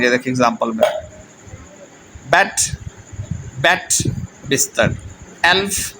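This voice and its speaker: A man teaching a vocabulary lesson, repeating each word and often checking in with his students. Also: medium pitch. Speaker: German language teacher. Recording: steady background noise.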